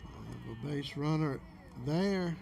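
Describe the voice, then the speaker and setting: A male play-by-play commentator calls a baseball game at an unhurried, slow pace. His voice sits a little high for a man and has a gravelly fry. Faint outdoor noise sits behind him. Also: lively intonation, warm tone.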